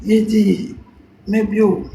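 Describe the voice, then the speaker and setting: A woman's voice: medium pitch, flat delivery, drawn-out words, creaky, warm tone, slight background noise. A woman, a little tipsy, chatting to her live-stream viewers in a teasing, rambling way and breaking into giggles. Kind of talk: casual live-stream chat addressing viewers. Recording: roomy with faint background ambience.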